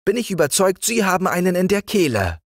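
A man voicing a timid, eager young frog king in a storybook reading, in a raised, excited voice. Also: high voice, fairly quick, no echo, clean studio sound, voice pushed up.

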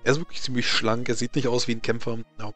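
A man acts as game master for a tabletop game. He describes scenes in hesitant, improvised phrases at a medium pitch, with faint music underneath. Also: level tone, fast, fairly bright tone.

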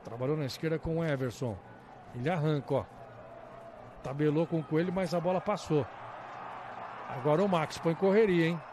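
A man's voice: on the high side, moderate pace, pauses often. A Brazilian man doing live football commentary in a colloquial way, dotted with little interjections. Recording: faint stadium noise on broadcast.

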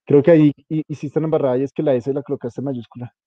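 A man's voice: mid-range voice, fairly even intonation, very fast, no room sound, highs cut off. A man, coaching a student step by step in an informal, casual way and spelling out small details. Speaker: instructor. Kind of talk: guiding a student through a web page setup.

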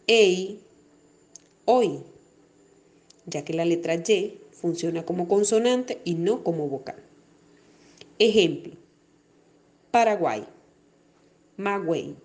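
A woman teacher giving a recorded distance-learning lesson to children, speaking slowly and clearly and stressing syllables as she explains. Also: lowish voice, a little mellow. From Venezuela. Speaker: primary school teacher.

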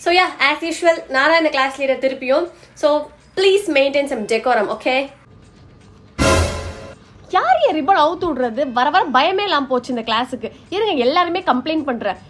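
A woman's voice: high voice, lively intonation, measured pace, a bit bright, faint music behind. A young woman acting out different types of schoolgirls in a comedy sketch, pleading, bossy and sarcastic by turns.

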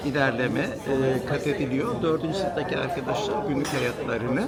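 Man teacher over a loud crowd. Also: mid-range voice, animated, moderate pace. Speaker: Turkish language teacher. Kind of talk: informal interview answers. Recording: loud crowd noise behind.

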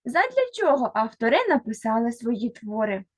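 A woman teacher giving a recorded reading lesson to first graders. She speaks slowly and carefully, sounding out words one by one, and talks straight to a single child, pausing for answers. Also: fairly high pitch, very animated, husky, no room sound. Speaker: primary school teacher.

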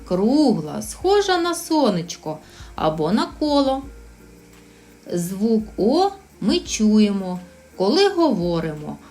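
A woman's voice: mid-range voice, a little mellow. A woman teaching a recorded lesson for preschool children, encouraging and drawing out her words. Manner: slow, sing-song and encouraging, drawing out sounds.

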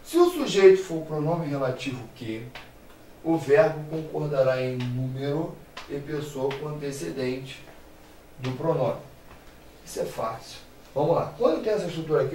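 A male teacher with a Brazilian accent gives a playful, animated grammar lesson, asking and answering his own questions. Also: fairly high pitch, normal speed, roomy sound, recorded from a distance, a little hiss or hum, rough recording. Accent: Brazilian Portuguese.

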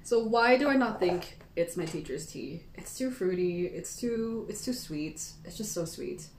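A woman's voice: on the low side, expressive, measured pace. A young woman thinking aloud in a casual live stream, weighing tasting notes like a sommelier. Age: young adult. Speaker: tea taster, live stream host. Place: small indoor room at a table. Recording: echoey room with some background noise.

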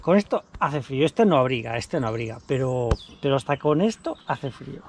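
A vlogger chats casually outdoors by his car, showing off his kit to an action camera held at arm's length and repeating himself as he goes. His medium-pitched voice is animated and brisk, with a noisy background behind him.

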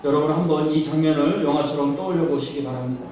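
A man's voice: a little high, fast, darkish tone, a little hiss or hum. A male pastor preaching a sermon, telling the story with feeling and asking many rhetorical questions, recorded in a church sanctuary. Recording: echoey hall from far off.

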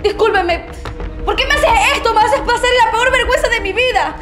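A woman's voice: very high-pitched, fairly quick, music in the background. An actress playing a young girlfriend who is shocked, bewildered and distressed after being deceived, in a melodramatic web drama.

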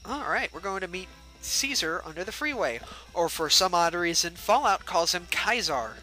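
A man's voice: sits high, normal speed, pushed and bright, faint music behind, low-quality recording. A young man giving casual, joking let's-play commentary and chatting at the game's characters. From United States. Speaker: gameplay livestreamer.

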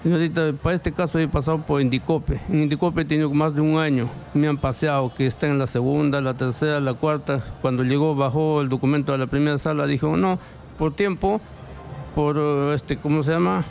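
Gravelly middle-aged man, halting. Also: fairly high pitch, steady tone, a little mellow, faint music behind. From Peru. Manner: halting, repeats himself, acts out dialogue. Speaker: interviewee reporting bank fraud. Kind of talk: emotional testimony in a radio studio. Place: radio studio. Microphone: studio mic with headphones.

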